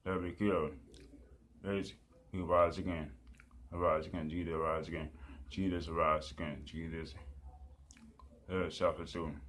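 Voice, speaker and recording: A man preaching and praying in a rambling, halting way, repeating pleas over and over with many fillers. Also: sits low, level tone, fairly bright tone.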